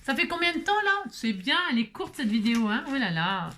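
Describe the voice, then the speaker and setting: A middle-aged woman talks her viewers through a craft project in a loose, rambling way. Her voice sits a little high, and she often stammers and starts over, tossing in self-mocking asides as she works. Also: big pitch swings, fairly quick, bright, forceful tone, slight background noise. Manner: stutters and restarts often. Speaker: craft vlogger. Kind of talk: casual crafting tutorial chat.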